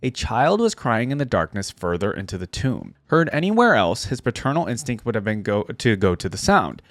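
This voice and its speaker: A man with a fairly low, sing-song voice hosts a reaction video at a moderate pace, with no room sound. He shifts between reading stories aloud and giving casual, conversational commentary.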